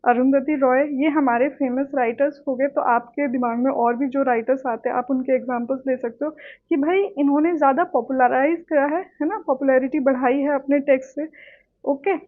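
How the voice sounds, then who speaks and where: A woman's voice: high voice, steady tone, moderate pace. A woman giving an exam-prep lecture in Hindi mixed with English terms, often checking in with "है ना". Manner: explains in Hindi mixing English terms, frequent "है ना". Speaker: online tutor. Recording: tinny phone-like audio.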